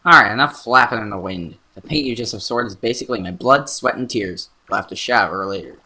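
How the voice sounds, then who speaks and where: A man's voice: on the low side, a little fast, bright, forceful tone, breathy edge, heavily acted. A man voicing a cocky, wisecracking talking paint can sidekick in a video game voice-over. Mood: bossy. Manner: brash, bossy and wisecracking. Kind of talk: let's play voice-over.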